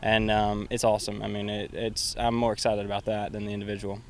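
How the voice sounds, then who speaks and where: A young man, a college golfer, answering interview questions casually, halting and repeating words. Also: lowish voice, monotone.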